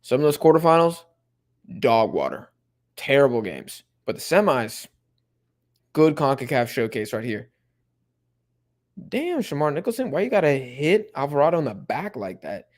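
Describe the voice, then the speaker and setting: A young man hosting a live football watch-along, chatting casually with viewers and getting excited at big plays. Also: medium pitch, moderate pace. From Mexico-supporting fan. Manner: laid-back, chatty, bursts of excitement at plays. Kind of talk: casual live commentary and chat reading.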